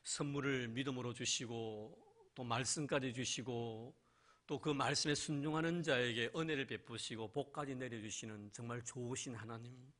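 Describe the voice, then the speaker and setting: A man's voice: medium pitch, fairly even intonation, normal speed, a bit bright. A male pastor preaching a sermon in church, asking rhetorical questions and addressing the congregation directly.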